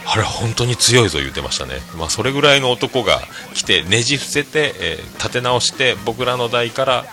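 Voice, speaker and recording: A middle-aged man from Fukuoka, Japan, who hosts a solo talk stream and owns a restaurant, tells rambling stories packed with fillers and animated quoting. His voice is mid-range and brisk, with faint music behind him.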